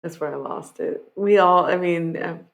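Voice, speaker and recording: A young woman from Michigan chats casually on a live stream, joking and poking fun at herself before freestyling rap lines. Her voice is fairly low and creaky, at a moderate pace.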